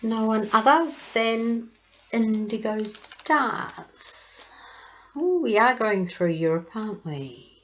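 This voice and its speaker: Woman doing a teasing female detective, soft asmr role-play, slow mock-polite questioning, bit of hiss, muffled sound. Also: on the high side, expressive. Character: teasing woman detective going through evidence.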